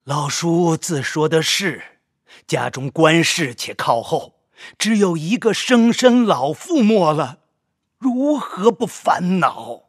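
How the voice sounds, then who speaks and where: An actor playing an earnest younger man, a dutiful son, husky and quick to grief and anger. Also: on the high side, expressive, no echo, studio quality, full character voice. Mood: emotional. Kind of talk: audio drama acting.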